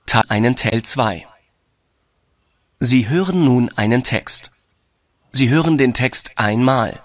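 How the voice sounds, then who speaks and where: A man reading scripted listening-test instructions in a formal, measured manner. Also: mid-range voice, no room sound. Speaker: exam narrator.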